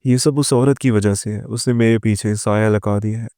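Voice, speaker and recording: A man voicing a terrified, paranoid young wife in a spoken moral story, his tone low and flat. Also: clear, resonant tone, no room sound, studio quality, close to an everyday voice.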